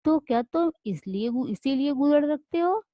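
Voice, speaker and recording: A woman's voice: sits high, moderate pace, dry recording, close to an everyday voice. A woman voicing a stern, puzzled middle-aged village father who questions insistently in a storybook reading. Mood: questioning. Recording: dull lo-fi dry recording.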